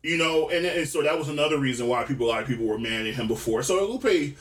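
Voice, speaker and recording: A man in his thirties talking casually and profanely, with animated asides, as a podcast co-host. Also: medium pitch, quick pace. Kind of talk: casual chat. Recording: roomy, distant from the mic, faint hiss.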